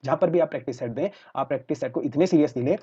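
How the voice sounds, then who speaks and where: A man's voice: medium pitch, racing, dark tone, slightly rough, highs cut off. A man teaching an online exam-prep lesson, explaining step by step and checking in with his students again and again. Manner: explains repetitively, checks in with "theek hai" often.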